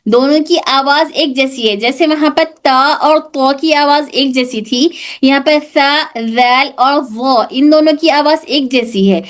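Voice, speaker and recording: A woman's voice: sits high, few pauses. A woman tajweed teacher explaining letter articulation in a class, often repeating the sounds to demonstrate them.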